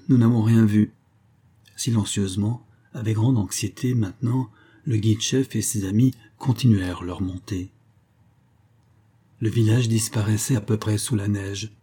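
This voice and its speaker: A man narrating a novel aloud in a steady, measured storytelling manner. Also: on the low side, slightly rough.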